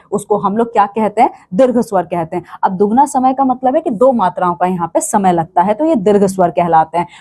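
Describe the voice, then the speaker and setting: A woman's voice: medium pitch, mellow. A woman teaching a grammar lesson to children, patiently explaining each point and checking in with "okay" after each one.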